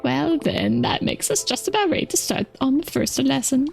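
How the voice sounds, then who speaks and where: A woman reading game dialogue aloud as a gentle old grandmotherly woman who teaches gardening, in a kindly storybook manner. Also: high-pitched, very animated, normal speed, vocal fry, soft background music, voice pushed up, exaggerated voice. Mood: warm, earnest.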